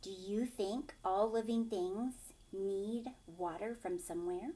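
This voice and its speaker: A teacher shares a storybook with children in a slow, mid-range voice. She brings lively expression to the reading, stresses important words and often turns to the kids with questions.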